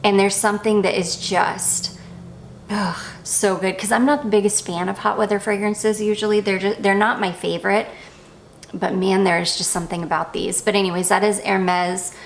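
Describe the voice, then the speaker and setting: A young woman with a voice of ordinary pitch and a slight gravelly fry gushes about fragrances in a relaxed, chatty way. She pokes fun at herself and keeps wandering onto side tracks. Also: moderate pace, slight background noise. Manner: gushing, goes off on tangents, self-deprecating. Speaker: perfume reviewer. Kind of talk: casual review chat.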